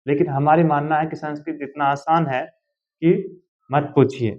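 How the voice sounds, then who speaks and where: A man's voice: a little high, fairly even intonation, normal speed, a little mellow. A male teacher giving a classroom grammar lesson, explaining step by step and often asking the students whether they follow. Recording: dull lo-fi sound.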